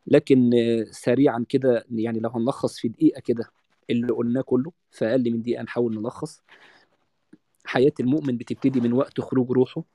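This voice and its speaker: Egyptian male lecturer, brisk delivery, dry close sound, recites then explains in plain words. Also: medium pitch, fairly even intonation, warm tone, dry recording. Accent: Egyptian Arabic. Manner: recites scripture, then explains it in casual everyday speech. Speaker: religious lecturer. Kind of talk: religious lecture.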